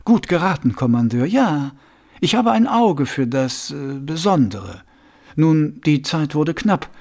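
The performer, a man, gives a full character voice to a smooth-talking, level-headed ruler of a city and ex-assassin, faintly amused and pitched a touch above the narration. The pitch swings widely and the tone is slightly mellow. It comes across silky and measured.

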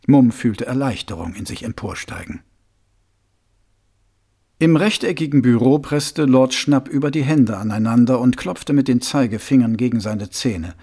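A man reading a novel aloud as an audiobook narrator, in calm, even storytelling. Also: mid-range voice, moderate pace, slightly rough.

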